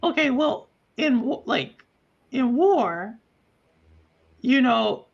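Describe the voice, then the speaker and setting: A guest in a casual talk who speaks reflectively and haltingly, with many fillers. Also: high-pitched, lively intonation, creaky, lo-fi sound. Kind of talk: casual chat.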